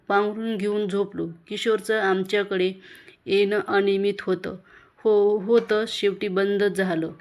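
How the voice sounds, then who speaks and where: A woman reading a story aloud in a calm, reflective storytelling manner. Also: medium pitch. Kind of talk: storytelling narration.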